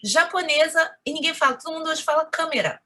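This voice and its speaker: Woman, Carioca accent, bright voice, interview guest, animated conversational storyteller. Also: high voice, quick pace. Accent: Rio de Janeiro Portuguese. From Brazil.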